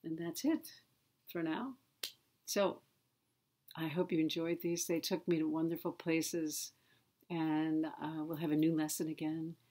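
A woman hosting a poetry show, reading children's poems aloud in a soft, unhurried way, sometimes drifting into a whisper. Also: low-pitched, steady tone.

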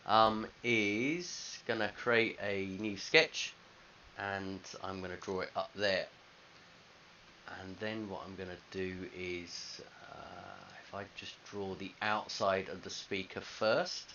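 A design teacher with a low, bright, creaky voice narrates a screencast software tutorial step by step, casual and instructive, thinking aloud at a slow pace with fairly even intonation. He sits indoors at a computer, and his headset microphone gives dull lo-fi audio with faint hiss.

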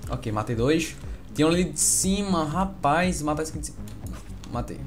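A man with a Brazilian Portuguese accent, doing joking let's-play commentary and calling out excited greetings to his viewers. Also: a little high, normal speed, faint music behind. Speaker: gaming youtuber.

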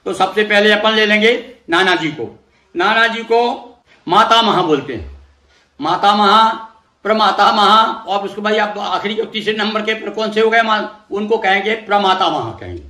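A man with a high, bright voice teaches a ritual step by step, speaking straight to the listener. He chants each mantra slowly and lets it sink low and quiet at the close. The sound carries a roomy echo. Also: animated. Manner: recites Sanskrit mantras slowly, dropping low and soft at each mantra's end; speaks directly to the listener, explaining patiently. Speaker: religious teacher.

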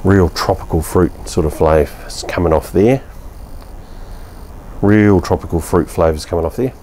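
Deep-voiced laid-back New Zealand man. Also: moderate pace, darkish tone, slight background noise. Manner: laid-back, blunt, rambling with fillers and mild swearing. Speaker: beer reviewer. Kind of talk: casual review monologue. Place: covered outdoor home bar, daytime.

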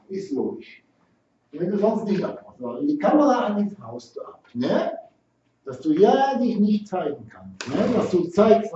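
A man's voice: high-pitched, dark tone, a little hiss or hum. A man talking to his pet birds in a teasing, sing-song coaxing way, tacking "hä?" and "ne?" onto his questions, at home. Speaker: pet bird owner. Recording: dull, roomy home video from a distance.

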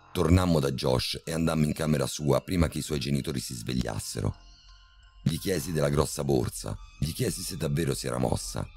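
A man narrating a horror story in a measured, tense storytelling manner. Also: extremely low pitch, creaky, a little mellow.

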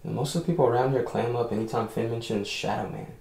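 A man's voice: mid-range voice, fast, gravelly, darkish tone, lightly acted. An actor playing a blunt, profane young man who challenges others skeptically in an audio drama. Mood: challenging. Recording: roomy echo.

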